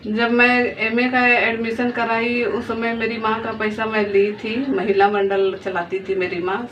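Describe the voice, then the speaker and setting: A woman in her thirties, a mother of two daughters, telling her story and pleading earnestly, repeating phrases as she speaks. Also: mid-range voice. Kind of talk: emotional personal testimony to camera. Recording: distant, dull lo-fi phone audio with faint noise.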